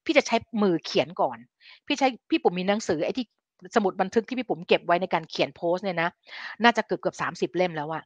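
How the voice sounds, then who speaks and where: A woman's voice: lowish voice, lively intonation, fast talker, no room sound. Chatty woman hosting a health live stream. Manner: chatty, addresses viewers as an older sister; mixes English science terms into speech. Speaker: live-stream host giving health advice. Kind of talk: casual live-stream talk to viewers. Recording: dry, slightly dull live-stream audio.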